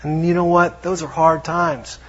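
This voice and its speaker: Husky-voiced man preaching, lo-fi recording. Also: fairly high pitch, level tone, unhurried. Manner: conversational, drops to hushed tones for emphasis. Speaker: pastor. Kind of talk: sermon.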